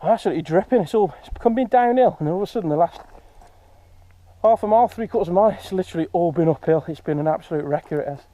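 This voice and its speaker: A man's voice: high voice, animated, racing, warm tone, lo-fi sound. Chatty man vlogging on a hike. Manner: chatty, joking, loose with fillers. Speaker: hiking vlogger. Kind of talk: casual vlog narration. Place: outdoors on windy hills.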